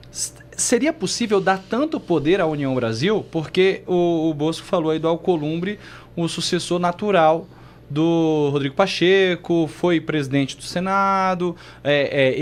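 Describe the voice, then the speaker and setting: Higher-voiced Brazilian man explaining politics. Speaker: political commentator. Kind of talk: political panel discussion.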